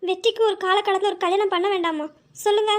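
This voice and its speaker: Woman playing a young daughter-in-law, polite, pleading, very high. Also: steady tone, fast talker.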